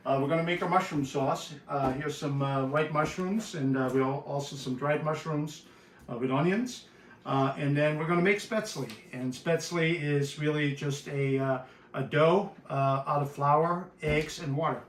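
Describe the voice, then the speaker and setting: A middle-aged Austrian-accented man explains a recipe step by step, pausing often on "uh", his voice sitting a little high for a man. He is picked up from across a home kitchen, so the sound is roomy and distant, with a faint hiss underneath. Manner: relaxed, instructive, many "uh" fillers. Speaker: guest chef. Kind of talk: cooking demonstration.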